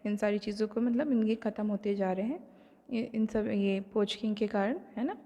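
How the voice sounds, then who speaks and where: A woman teacher with an Indian accent, recorded in a room with a long, lingering reverb. She reads English lines slowly and deliberately, then switches to easy Hindi explanation with frequent fillers. Her pitch sits in a middle range. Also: mellow. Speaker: online class teacher. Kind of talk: recorded lesson explaining a textbook.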